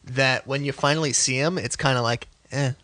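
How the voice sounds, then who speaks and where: A man's voice: medium pitch, steady tone, fairly quick, bright, forceful tone, dry recording. A man co-hosting a podcast in wry, joking casual chat. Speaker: podcast co-host.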